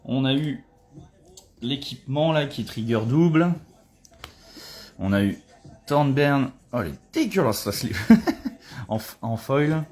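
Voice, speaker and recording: A man chatting casually during a live booster opening, excitable and swearing when he pulls a good card. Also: medium pitch, measured pace, pauses often.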